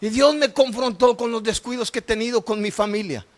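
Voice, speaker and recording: A middle-aged man, preaching a sermon testimony and moving between hushed and shouted emotional storytelling. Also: extremely high pitch, brisk.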